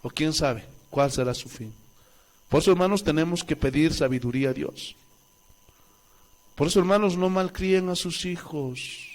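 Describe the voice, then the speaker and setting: A pastor with a Bolivian Spanish accent preaches a sermon in church at normal speed, his voice fairly high. He questions the congregation and shifts between loud calls and soft asides.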